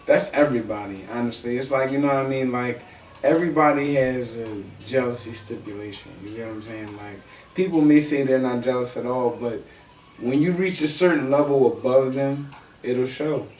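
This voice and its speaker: A man with a mid-range, slightly mellow voice talks at a normal speed on a podcast, where he's a music artist appearing as co-host and guest. He's casual and slangy, repeatedly asking "you know what I mean" to check the listener is following. The sound is roomy, with a distant mic and background noise.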